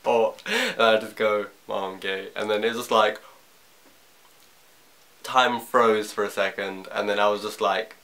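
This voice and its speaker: A young man telling a personal story in a confessional vlog from his bedroom at home, in a halting, reflective way. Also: on the low side, pushed and bright. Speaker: vlogger.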